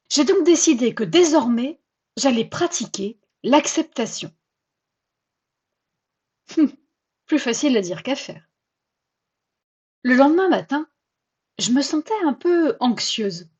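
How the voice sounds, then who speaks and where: A woman hosting a personal podcast, telling her own story in a chatty, self-mocking and expressive way. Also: a little high, a little slow, pauses often, husky, lo-fi sound. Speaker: podcast host.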